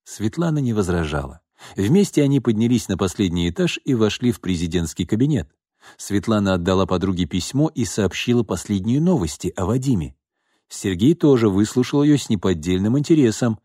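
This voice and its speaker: A man narrating an audiobook novel with an expressive, animated reading. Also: on the low side, a little fast, no room sound, studio quality. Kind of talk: scripted narration.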